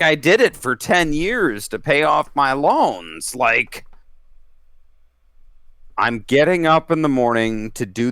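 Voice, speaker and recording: Slow, bright-voiced thirties man, dry sound. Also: fairly high pitch, vocal fry, no room sound. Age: 30s. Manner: filler-heavy, says "like" and "dude" constantly. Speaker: podcast guest. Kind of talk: casual podcast chat.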